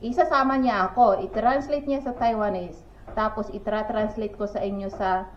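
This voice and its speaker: A woman's voice: mid-range voice, fairly even intonation, moderate pace, slight background noise. Rambling older woman in a roomy kitchen. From Philippines. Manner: rambling, many fillers and repeated "sabi ko". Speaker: vlogger. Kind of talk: casual storytelling chat to viewers. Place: home kitchen. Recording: roomy, dull home recording.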